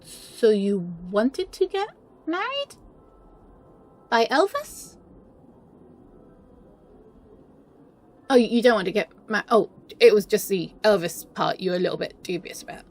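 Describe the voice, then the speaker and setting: In an intimate romantic audio roleplay, a woman plays a flustered, smitten best friend with a playful scheming side, speaking in halting, stammering bursts with a sense of dawning realisation. Her voice is mid-range with big pitch swings, and the recording is rough.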